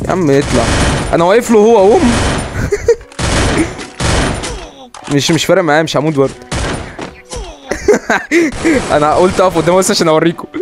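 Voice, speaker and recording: A man with an Egyptian Arabic accent giving excitable live commentary over his gameplay, calling out to his viewers. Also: on the high side, racing, noisy background. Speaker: gaming YouTuber. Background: game music and gunfire.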